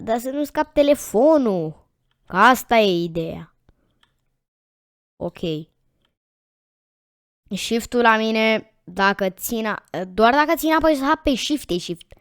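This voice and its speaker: Excitable woman narrating her gameplay. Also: mid-range voice, no room sound, studio quality. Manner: excitable, repeats words in quick bursts; chatty, talks to viewers while playing. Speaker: gaming channel host. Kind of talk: casual let's-play commentary.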